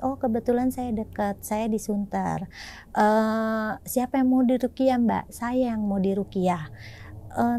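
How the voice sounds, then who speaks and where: A woman from Indonesia casually retelling a personal experience, acting out the dialogue in raised, animated voices. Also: mid-range voice, a little hiss or hum. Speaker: storyteller sharing a personal experience.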